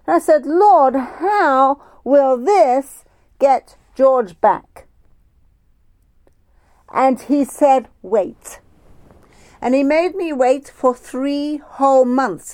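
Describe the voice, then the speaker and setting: Woman preacher on a phone call, fairly high voice, unhurried delivery, storytelling sermon. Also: darkish tone. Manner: slow, deliberate storytelling.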